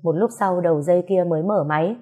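Mellow low-voiced woman storyteller. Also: fast talker, slightly rough. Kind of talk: story narration.

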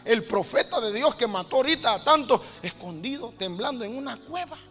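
A man's voice: very high voice, animated, fairly quick, pushed and bright. A man preaching a sermon in a church, emphatic and calling his listeners brother again and again. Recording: reverberant hall with faint music.

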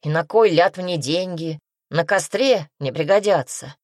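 A sarcastic, snappish herbalist witch, as an audiobook narrator puts her on, weary and sharp-tongued. Her voice sits fairly low and sounds dry and close to the mic. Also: unhurried, dry recording, close to an everyday voice.

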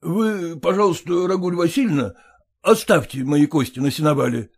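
A proud, fussy male yard dog, read by a man in an audiobook, speaking in a stern and indignant way. The husky voice sits a little higher than most men's. He lingers over his words, slow and deliberate. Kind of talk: audiobook reading.

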